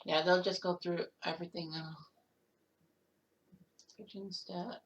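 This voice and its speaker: A woman hosting a casual recap of a simulated baseball season, reading off league leaders with quick asides and self-corrections. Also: lowish voice, fairly even intonation, a little hiss or hum, poor audio. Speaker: host. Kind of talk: casual game stats recap.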